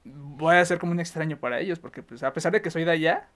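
A man's voice: a little high, fairly bright tone. A man from Chihuahua, Mexico, chatting casually on a podcast and leaning heavily on filler phrases. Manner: rapid, talkative, lots of "o sea" fillers. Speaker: podcast co-host or guest. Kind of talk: casual chat.

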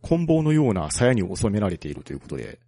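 A man co-hosting a podcast, explaining a topic calmly and methodically. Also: lowish voice, quick pace, vocal fry, no room sound, soft background music. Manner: explains at length, calm and methodical. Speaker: podcast co-host presenting a local hero. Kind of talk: casual chat.

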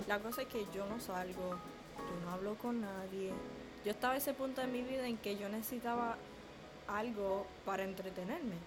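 A woman's voice: medium pitch, normal speed, music in the background, rough recording. A young woman chatting candidly as a podcast co-host in Spanglish, slipping between Spanish and English with slang and swearing. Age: young adult. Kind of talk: casual storytelling chat.

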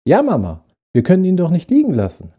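A man's voice: high voice, huge pitch swings, fast, husky, narrow, tinny audio, pitched above the performer's own voice, exaggerated voice. A man voicing an eager little boy in a spoken Christmas story, urgent and pleading. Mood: excited.

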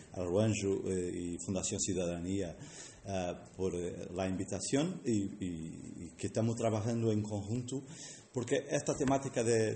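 A man's voice: lowish voice, dark tone. Portuguese-accented man speaking in an echoey room. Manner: halting, searching for words. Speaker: guest speaker at an event. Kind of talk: short public speech in Spanish mixed with Portuguese. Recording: echoey room with faint noise.

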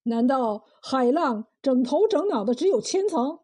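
Woman voicing a slow-talking old fisherman. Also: sits high, animated, warm tone. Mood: lecturing. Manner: slow, drawn-out folksy speech. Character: weathered old male fisherman, blunt and wise. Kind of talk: storytelling role voice.

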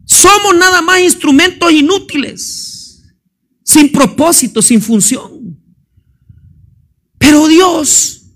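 A male pastor giving a fervent sermon, firing questions at the congregation and swinging between booming and hushed delivery. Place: church.

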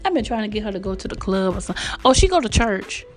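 A woman hosts her podcast in a loose, chatty way, teasing and laughing as she goes. Her voice sits at a middle pitch, with soft music faintly under her. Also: very animated, fast talker. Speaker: podcast host. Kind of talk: casual motivational chat.

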